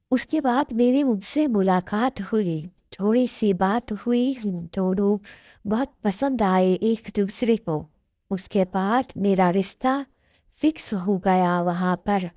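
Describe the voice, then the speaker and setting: A young woman narrating her own story in the first person, in an earnest, soft-spoken confessional way. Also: mid-range voice, no echo.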